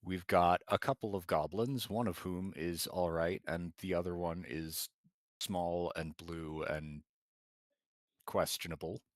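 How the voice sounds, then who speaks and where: A giant of a man talks over his week in a low, unhurried ramble full of small hesitations, as a man puts him on. The voice sits very deep and close, with a dry sound and no room around it. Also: steady tone, no room sound. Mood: reflective. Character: male giant adventurer reporting to a spirit.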